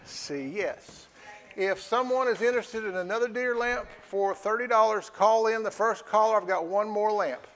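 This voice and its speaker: A man's voice: high-pitched, moderate pace, a bit bright. A man calling a live-streamed auction in a casual, folksy way, repeating prices and phrases. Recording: echoey hall with long reverb.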